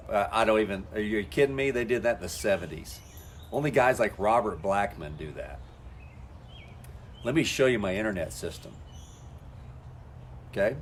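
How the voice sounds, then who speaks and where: Here a lowish male voice, with a little hiss or hum behind it, delivers folksy coaching to network marketers straight to camera. He acts out the exchanges he's had with people as he goes.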